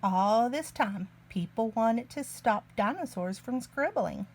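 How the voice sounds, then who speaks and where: A woman reading a picture book aloud to young children in an expressive, deliberate way. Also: a little high. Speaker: children's story reader, early learning teacher.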